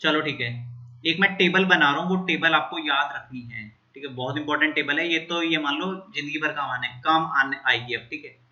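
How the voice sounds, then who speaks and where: A man's voice: a little high, a little fast, bright, forceful tone, muffled recording. A man teaching a maths lesson at a board, going through steps and checking in with students often.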